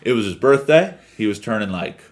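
A man co-hosting a podcast, chatting casually about pro wrestling in an animated, rambling way with the odd swear. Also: on the low side, a little fast. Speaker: podcast co-host.

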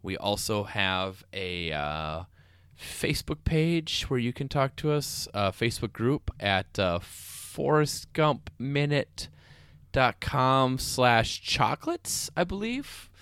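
A man's voice: mid-range voice, big pitch swings, slow pace, fairly bright tone, clear, resonant tone, no room sound. A man hosting a casual podcast, joking with his co-hosts and reading plugs loosely with fillers. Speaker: podcast host.

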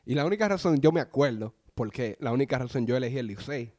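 A man's voice: mid-range voice, expressive, quick pace, darkish tone. A man with a Dominican accent giving slangy, opinionated takes in a casual chat about sports.

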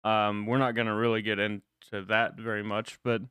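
A man asks questions in a relaxed podcast chat over voice chat, laughing easily. His voice is smooth and clear, recorded dry and close. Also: lowish voice, no echo. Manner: interviewing, quick to laugh. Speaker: co-host. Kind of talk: casual chat. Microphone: voice chat headset.

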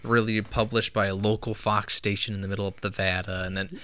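A man co-hosting a casual talk show, cracking deadpan jokes in easy banter. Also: fairly low pitch, a little fast, clean tone. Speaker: podcast co-host. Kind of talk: casual joking chat.

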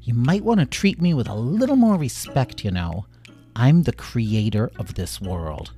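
A man's voice: mid-range voice, very animated, unhurried, warm tone, faint music behind. A man voicing a bold, boastful little female cat heroine in a storybook reading. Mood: proud.

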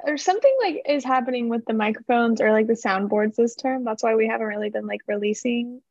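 A bubbly young woman in her twenties co-hosts a student podcast with a slightly high, spontaneous delivery. The recording is dull and dry, with almost no room sound. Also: quick pace, a little mellow, no echo. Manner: bubbly, spontaneous, uses "like" often. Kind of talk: casual chat.

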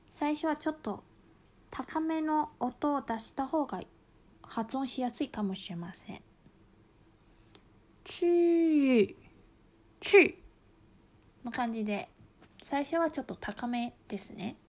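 Female language teacher, slow and measured, fairly high voice, stresses the example words. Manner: calm explanations, with words spoken slowly and stressed high. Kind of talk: language lesson explaining Mandarin to Japanese learners.

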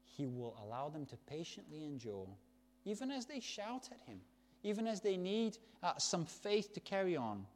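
Lively man preaching a sermon. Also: mid-range voice. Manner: emphatic, swings from loud stresses to soft hushed endings.

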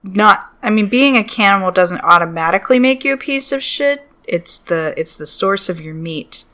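A woman's voice: mid-range voice, animated, moderate pace, sharp tone. A woman co-hosting a podcast, reacting and asking questions in casual conversation. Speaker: podcast co-host.

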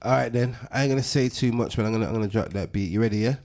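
A man's voice: mid-range voice, racing, darkish tone. A man with a London accent hosting a show as DJ, chatting casually in street slang. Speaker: radio show host and DJ.

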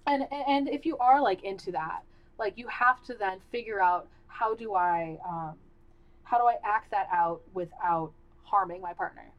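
A young woman hosts her own podcast solo, chatting casually and candidly, rambling through lots of fillers and restarts. Her mid-range voice, heard at normal speed over dull audio, is starting to give out as she loses it.

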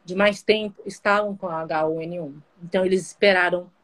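A woman guest telling her story in a casual online conversation, in an animated way. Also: on the low side, a little fast. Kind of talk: casual video-call conversation.

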